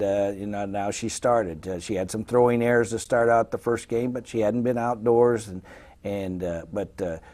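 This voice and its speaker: A man who coaches college softball, answering interview questions in a folksy way. He often trails off into quiet fillers. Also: fairly low pitch.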